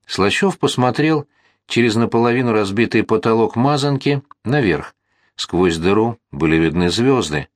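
A man narrating a historical novel as an audiobook, in a measured, steady storytelling manner. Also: on the low side, no echo, clean studio sound.

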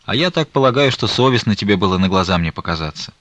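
A man reading the part of a stern, grieving old merchant, talking in a slow, weighty, reproachful way. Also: on the low side, expressive, fairly bright tone, no echo.

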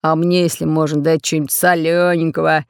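A woman voicing a scheming red-bearded male pirate who booms slowly in a low voice. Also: level tone, a little mellow, no room sound, studio quality. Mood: gruff. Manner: deep gruff booming, slow.

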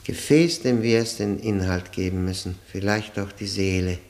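Here the actor delivers the same 1960-style radio drama monologue, a tormented, bitter man haltingly confessing how his marriage fell apart. The voice stays low and steady, with a slightly mellow quality.

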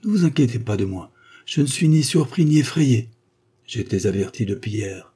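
A man's voice: mid-range voice, lively intonation, moderate pace, warm tone, husky. A man voicing a doomed aristocratic count, speaking with courtly, earnest declamation. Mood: urgent. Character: doomed aristocratic male count, gracious and composed.

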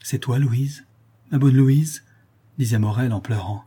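A poor, grief-stricken father, tearful and pleading, his voice breaking between soft and raised, as a man puts him on. Husky and warm. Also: medium pitch, expressive, moderate pace. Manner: pleading, emotional.

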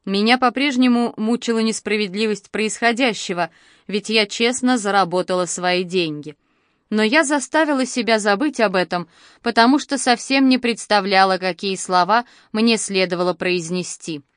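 A woman narrating a first-person novel in a measured, expressive storytelling voice. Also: medium pitch, smooth, no echo, clean studio sound. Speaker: audiobook narrator.

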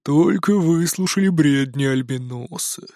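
A man voicing a stern male animal council leader, slow, gruff and commanding. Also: fairly high pitch, a little mellow, no room sound, studio quality.

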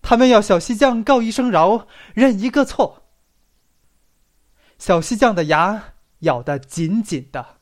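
An audiobook narrator reads a literary work with measured pacing and a medium pitch. The style is expressive, like a storyteller highlighting every dramatic turn of phrase.

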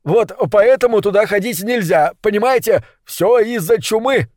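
A man's voice: high-pitched, moderate pace, a little mellow, no echo, clean studio sound, pitched above the performer's own voice, lightly acted. A man voicing a cowardly male ratcatcher who stammers and blubbers, reading an audiobook. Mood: nervous lying.

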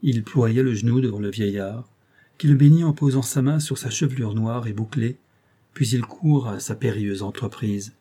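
A man reading a classic tale aloud in a measured, expressive literary manner. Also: medium pitch, husky. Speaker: audiobook narrator. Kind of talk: scripted narration of a classic tale.

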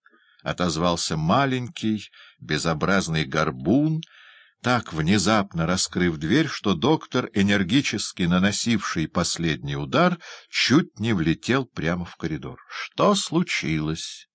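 A man reading a novel aloud as a narrator, measured and expressive. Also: sits low, dry recording. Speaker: audiobook narrator. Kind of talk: scripted narration.

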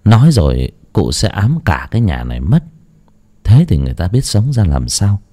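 A man's voice: low-pitched, very animated, normal speed, dark tone. A man narrating a horror tale in a dramatic storytelling manner.

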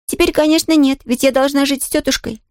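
A woman voicing an excitable, chatty young girl in an audiobook reading, talking in a breathless rush. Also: sits high, fast, no room sound, studio quality, voice pushed up, natural voice. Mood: dismayed.

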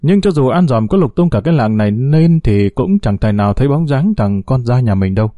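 A man narrating a dramatic story in a steady, scripted way. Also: medium pitch, fairly quick, no room sound, muffled recording.

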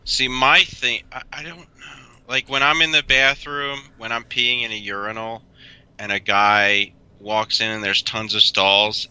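A man with a very bright, crisp and smooth voice co-hosts a casual podcast. He probes his partner with pointed questions in an easy, conversational way. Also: fairly low pitch, rough recording. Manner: probing, asks pointed questions. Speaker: podcast co-host.

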